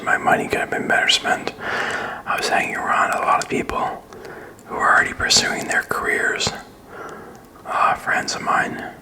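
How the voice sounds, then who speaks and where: A man in his thirties rambles in a halting, unscripted whisper for ASMR, very close to a desk microphone in a small quiet room. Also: low-quality recording. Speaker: ASMR video creator. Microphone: desk microphone with furry windscreen, very close.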